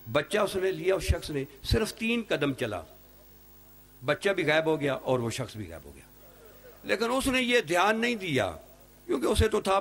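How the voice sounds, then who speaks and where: A man's voice: on the high side, fairly bright tone. A male religious scholar giving a Muharram mourning sermon, telling stories dramatically and breaking into wailing cries.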